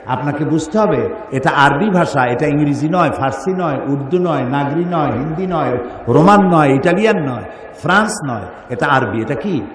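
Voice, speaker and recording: Fervent preacher in an echoey hall. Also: male voice, fairly high pitch. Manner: emphatic, rhetorical questions, chanted Arabic recitation. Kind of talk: sermon. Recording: echoey hall, distant mic, faint noise.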